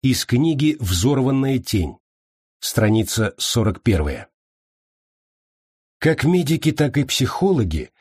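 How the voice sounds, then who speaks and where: Male audiobook narrator, measured slow delivery, husky tone, dry booth sound. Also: mid-range voice, darkish tone, dry recording. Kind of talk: scripted novel narration.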